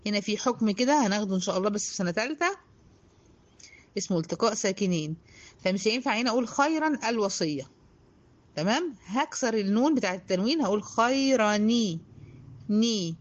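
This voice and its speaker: A woman with an Egyptian accent teaching a tajweed lesson to a female student. She stretches the verses out slowly, then explains them briskly. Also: medium pitch, animated, highs cut off. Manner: slow, drawn-out recitation between brisk explanations; addresses a female student directly, instructive. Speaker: Quran teacher.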